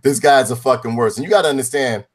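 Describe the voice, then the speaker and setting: A man co-hosting a podcast, talking in a loud, profane, casual way and often laughing at his own bits. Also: medium pitch, fast talker. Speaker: podcast co-host. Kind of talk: casual crude chat.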